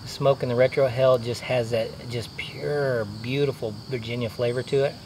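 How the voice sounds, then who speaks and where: A man talking with a pipe in his mouth, reviewing tobacco outdoors by a fire pit in the woods, in a relaxed, rambling way. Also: medium pitch, normal speed, a little hiss or hum. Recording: distant mic outdoors with music.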